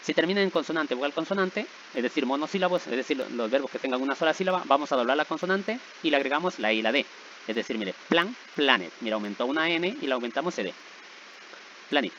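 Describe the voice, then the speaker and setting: A man's voice: mid-range voice, animated, fast talker, sharp tone, slight background noise. Patient man teaching, slightly dull recording. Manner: patient, repeats checks like "¿verdad?" and "¿sí?". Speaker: English teacher. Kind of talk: explaining grammar rules.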